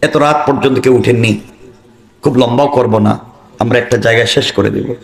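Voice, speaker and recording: A man preacher telling a story in a sermon, slow and dramatic, rising to shouts. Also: mid-range voice, creaky. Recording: echoey open-air PA sound.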